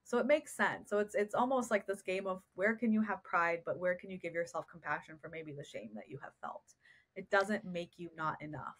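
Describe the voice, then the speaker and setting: Speaking a little fast, this American woman has a low-leaning voice with a fairly bright tone. As a therapist guest on a podcast interview, she comes across as earnest and reflective, regularly turning to rhetorical questions.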